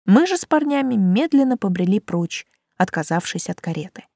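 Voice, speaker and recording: Animated woman narrating an audiobook. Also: medium pitch, normal speed, gravelly, dry recording, clean studio sound. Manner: expressive, animated. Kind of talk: first-person audiobook narration.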